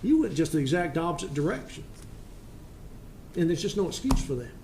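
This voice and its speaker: Stern, higher-voiced male judge in echoey courtroom. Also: big pitch swings, a little fast. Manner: stern, admonishing, folksy analogies. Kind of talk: sentencing remarks from the bench. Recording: echoey courtroom with faint noise.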